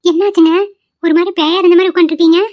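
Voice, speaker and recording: A woman voicing a sharp-tongued village housewife. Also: extremely high pitch, level tone, rapid-fire, no echo. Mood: argumentative. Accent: Kongu Tamil. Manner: argumentative, retorting. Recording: dull lo-fi audio.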